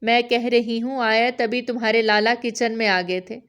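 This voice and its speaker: A woman's voice: a little high, level tone, a bit bright, clean tone, natural voice. A woman voicing a playful, mischievous young wife who chatters and pleads in a slightly raised voice. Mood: flustered.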